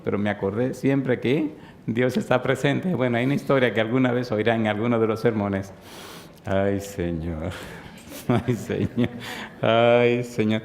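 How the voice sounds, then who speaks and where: A man's voice: mid-range voice, a little mellow, slight background noise. A man in his fifties preaching a sermon, telling stories playfully and asking the congregation questions. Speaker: pastor.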